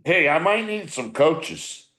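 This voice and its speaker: His voice is a little high, bright and animated, with a forceful tone, though he takes his time. He's a former baseball manager in his sixties, casually recalling the past on a group podcast, and his manner is rambling, repetitive, blunt and salty.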